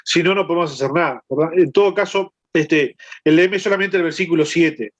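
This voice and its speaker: A man's voice: fairly high pitch, fairly quick, highs cut off. A man leading a Bible lesson over a video call, explaining and often checking in with his listeners. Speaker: Bible study teacher.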